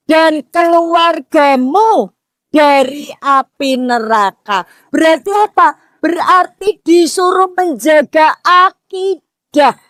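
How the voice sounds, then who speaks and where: High-voiced older Javanese woman preaching. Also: no room sound, studio quality. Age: 60s. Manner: rhetorical questions, rises to emphatic near-shouts; slips Javanese words into talk. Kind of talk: mosque sermon.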